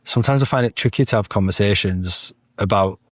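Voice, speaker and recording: A thoughtful male guest with a fairly low voice, recorded close in a dry room. He gathers his thoughts aloud with pauses and self-corrections. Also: no room sound. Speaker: podcast guest. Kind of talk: casual spiritual conversation.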